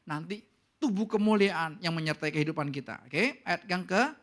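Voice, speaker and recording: A male pastor preaches with animated energy, his voice pushing higher whenever he stresses a point. His tone is bright and forceful, and he sits high for a man. He slips English words into his speech. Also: normal speed. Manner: animated preaching with rising emphasis. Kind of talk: sermon. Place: church service.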